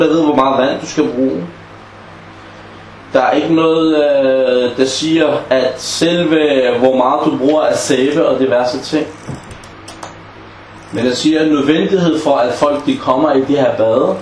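A man teaches a class on Islamic legal maxims, stopping often to put questions to his students and act out small example exchanges. His voice carries in an echoey room. A faint hum of background noise sits behind him. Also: mid-range voice. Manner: asks the class questions and acts out example dialogues.

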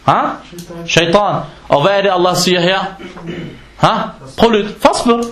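A man giving an informal sermon in an animated way, acting out everyday exchanges as he preaches. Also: high voice, echoey room. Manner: animated, acts out dialogues in quoted voices.

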